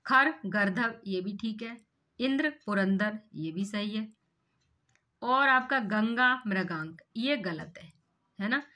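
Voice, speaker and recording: A woman's voice: mid-range voice, animated, takes it slowly, sharp tone. A woman teacher going through an exam paper question by question, explaining each answer step by step and asking rhetorical questions. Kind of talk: exam paper walkthrough lesson.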